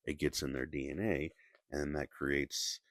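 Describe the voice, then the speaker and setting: A man with a very deep voice talks in a halting, restarting way, his words full of gravelly fry. He keeps his voice low and quiet. The sound is dry and close, with no room echo. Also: level tone. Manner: halting, many restarts and fillers, kept quiet. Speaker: video essayist. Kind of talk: casual solo commentary.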